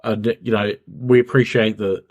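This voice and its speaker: A man's voice: fairly low pitch, fairly even intonation, normal speed, a little mellow, dull audio. A man co-hosting a podcast in casual chat, rambling and restarting sentences while he has the hiccups. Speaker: podcast co-host.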